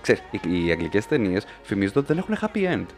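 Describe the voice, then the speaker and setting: A man's voice: on the low side, sing-song, darkish tone, faint music behind. A man co-hosting a casual satirical podcast chat in a studio, talking in a teasing, sarcastic way. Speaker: podcast co-host.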